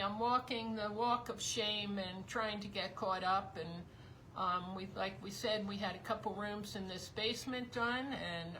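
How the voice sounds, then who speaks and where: Chatty woman with a bright, tense voice. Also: medium pitch, a little hiss or hum, low-quality recording. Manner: chatty, rambling, teases her husband with laughs. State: slightly losing her voice. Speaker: craft show co-host. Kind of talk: casual live-stream chat. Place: basement tavern room of a house.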